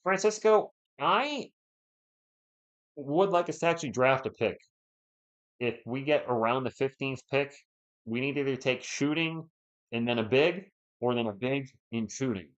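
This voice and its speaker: Speaking a little slowly at medium pitch, a man with a sore throat and a fading voice casually calls a basketball game live. He's chatty, picking up and answering viewer chat between plays, over dull lo-fi stream audio.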